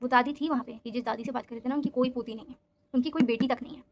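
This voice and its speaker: A young woman telling a story in a casual vlog, animated and mixing in English phrases. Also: on the high side, racing, a little hiss or hum.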